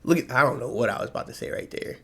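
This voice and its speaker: A man's voice: mid-range voice, rapid-fire, a bit bright, slight background noise. A young American man talking casually to his channel, rambling and loose with lots of slang and fillers. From United States. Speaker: YouTube vlogger. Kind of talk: casual solo talk to camera.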